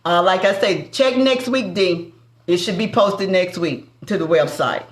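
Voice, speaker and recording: A woman's voice: on the low side, a little slow, reverberant. A woman with a Southern accent hosting a live cooking stream. She banters with viewers and calls them baby and family. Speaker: cooking show host.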